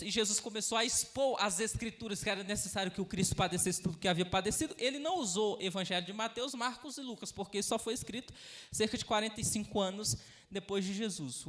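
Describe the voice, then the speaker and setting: High-pitched animated preacher. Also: male voice. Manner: animated preaching, acting out Bible figures, swings from loud to quiet. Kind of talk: sermon.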